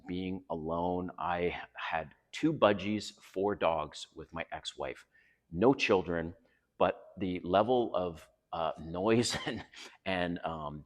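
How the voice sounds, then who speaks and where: A middle-aged Canadian man with a deep voice hosts his vlog, talking frankly and earnestly and swearing freely in candid personal talk. He is outdoors by a residential pool, though the sound is like a large hall.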